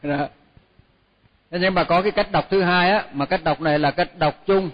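A man teaching a chanting lesson, sounding each syllable slowly before chatting through pronunciation with small laughs. His voice sits somewhat high. The recording is dull and lo-fi, with a long hall reverb trailing behind him. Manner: slow repeated chanting of each word, then quick chatty explanation with light laughs. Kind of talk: chanting lesson with spoken explanation.

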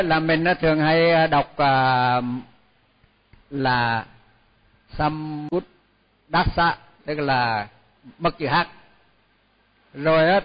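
Slow-chanting man teaching in a reverberant hall. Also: on the high side. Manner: slow repeated chanting of each word, then quick chatty explanation with light laughs. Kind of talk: chanting lesson with spoken explanation. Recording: dull lo-fi sound with long hall reverb.

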